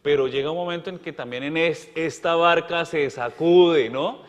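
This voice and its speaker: A male priest preaching a homily at Mass, emphatic and full of rhetorical questions, often repeating words. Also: fairly high pitch. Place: parish church. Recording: church with long reverb.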